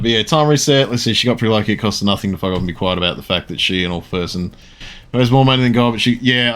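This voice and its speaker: A man streaming a video game live, talking casually and answering his chat with frequent pauses to think. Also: mid-range voice, fairly bright tone. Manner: responds to chat messages, pausing often to think.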